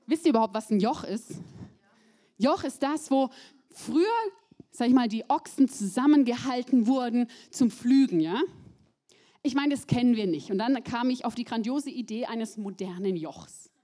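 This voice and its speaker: A woman's voice: on the high side, moderate pace. A young woman preaching a sermon, talking straight to her listeners and dropping to a whisper for emphasis. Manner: animated, addresses the audience directly, drops to whispers for emphasis.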